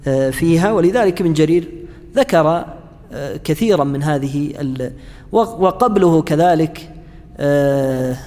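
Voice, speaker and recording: A man teaching a class on Quranic interpretation, pausing often with fillers and restarts and asking his students questions. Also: fairly high pitch, lively intonation, darkish tone, big-room sound. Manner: halting, frequent fillers and restarts, chats with students. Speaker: Islamic studies lecturer.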